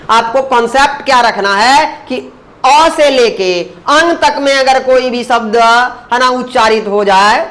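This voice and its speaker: A man teaching a grammar lesson, who explains slowly, sounds words out syllable by syllable, and keeps asking his students questions that he answers himself. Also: very high-pitched, a bit bright.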